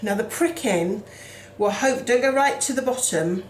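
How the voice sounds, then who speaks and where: A woman's voice: on the high side, moderate pace, roomy sound, slight background noise, rough recording. A woman hosting a casual home cooking show, chatty and self-deprecating, talking as she works in her kitchen.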